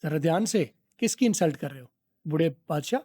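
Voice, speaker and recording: A middle-aged man from Pakistan teaching spoken English, repeating phrases slowly to drill pronunciation. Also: on the high side, expressive, warm tone, breathy edge.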